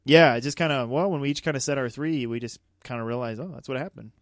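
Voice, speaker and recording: In a clean, dry studio recording, a fast-talking movie podcast co-host from the Dakotas, United States, keeps the chat casual and animated, laughing frequently as he goes. His voice is medium in pitch.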